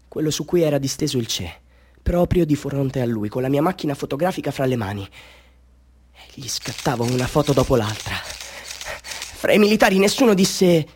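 An actor with a slightly high, somewhat rough voice performs a theatrical radio monologue as an excitable, self-doubting amateur photographer recounting his story. His delivery moves between confiding and fervent, and he sounds excited.

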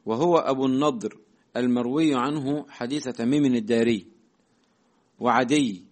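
A man's voice: medium pitch, normal speed. A man, a student in a class, reading a classical Arabic text aloud to his teacher and answering briefly. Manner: reads steadily, answers briefly.

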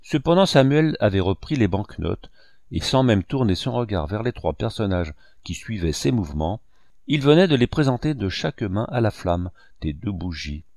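A man narrating a classic novel in a steady, dramatic reading. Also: on the low side, moderate pace, no echo, clean studio sound. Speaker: audiobook narrator. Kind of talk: scripted narration.

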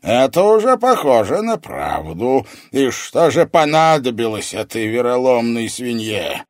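A scornful evil sorcerer with a hoarse, barking voice, put on by a male narrator. He drawls slowly and booms, lifted high above the reader's own register. The audiobook recording is dry and close. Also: big pitch swings, dry recording. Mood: mocking. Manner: slow, loud, commanding. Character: hidden evil sorcerer, booming, menacing, mocking.

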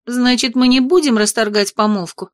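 A woman reading an audiobook, voicing a spirited young woman who answers in quick, startled questions. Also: a little high, dry recording, studio quality, close to an everyday voice. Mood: exasperated. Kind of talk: audiobook character voice.

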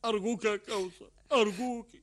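A man's voice: high voice, steady tone, fairly quick, a bit bright. An actor with an Egyptian accent playing Shamis, a rich, devoted husband who pleads with his wife in a radio drama. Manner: pleading, eager, talks over his wife.

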